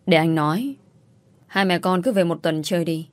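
A woman's voice: lowish voice, moderate pace, dry recording, natural voice. A woman voicing a kind, reassuring young husband in a told story. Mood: gentle. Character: gentle young husband, adult man. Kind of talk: storytelling, acted dialogue.

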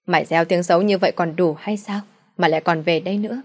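A woman voicing a drunken, abusive middle-aged father who shouts insults at his family. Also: on the low side, fairly even intonation. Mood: raging. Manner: shouting insults, fast and loud.

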